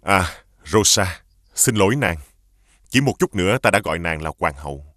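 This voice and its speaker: A man voicing a gentle, grieving king and loving father in a cartoon. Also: low voice, lively intonation, moderate pace, no room sound, studio quality. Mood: tender. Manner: warm, fatherly. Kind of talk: cartoon dubbing.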